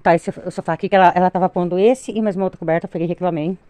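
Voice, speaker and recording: Brazilian woman, middle-aged, rapid speech, tired venting tone, casual home vlog, phone recording. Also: fairly low pitch, fairly even intonation, dark tone. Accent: Brazilian Portuguese. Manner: weary, venting, complaining. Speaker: vlogger, mother of three. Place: home living room.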